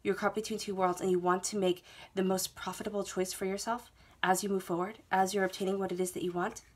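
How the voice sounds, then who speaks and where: In a monthly reading to camera, a tarot reader nursing a head cold works through the cards laid out on her indoor table. She talks fast in a flat, mid-range voice, yet stays soothing and reassuring, regularly adding "okay?".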